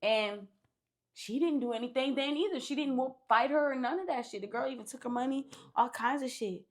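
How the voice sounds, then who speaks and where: Speaking briskly in a high-pitched voice, a woman guesting on a podcast relays a lengthy story in a casual, animated way, peppered with profanity and acted-out quotes.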